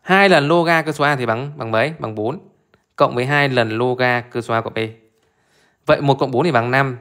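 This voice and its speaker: A male math teacher talks through exam questions in a brisk, informal way. He keeps stopping to ask his listeners whether they follow, repeating short prompts again and again. His voice sits in an ordinary middle register. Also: mid-range voice, fairly bright tone. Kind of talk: live exam solution walkthrough.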